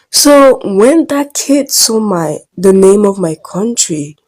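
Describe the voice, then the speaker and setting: Soft-spoken Nigerian teen girl, mellow. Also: mid-range voice. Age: late teens. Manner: rambling and hesitant, often trailing off quietly. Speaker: vlogger. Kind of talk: casual storytime vlog.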